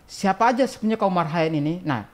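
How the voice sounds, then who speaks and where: A man guesting as an archivist on a casual podcast interview talks fast in a high-pitched, animated voice. He explains things chattily and tosses in rhetorical questions.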